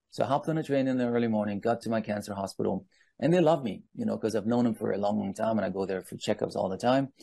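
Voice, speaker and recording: A guest speaker on palm leaf reading, a man in his fifties from Iran, shares personal stories and explains things in a deliberate, emphatic way, adding rhetorical asides. His voice is fairly low, gravelly, husky and warm, recorded without echo.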